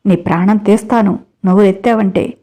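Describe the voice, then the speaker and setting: A woman's voice: medium pitch, fairly even intonation, normal speed, lightly acted. A woman voicing an abusive husband who threatens his wife. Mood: threatening. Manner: threatening, shouting. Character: bullying abusive husband, adult man.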